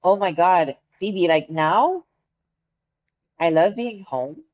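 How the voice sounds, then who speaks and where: A woman's voice: on the low side, lively intonation, takes it slowly, a little mellow, highs cut off. A woman with a French accent, speaking English as a second language, co-hosting a podcast in casual chat, earnest and groping for words. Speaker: podcast co-host.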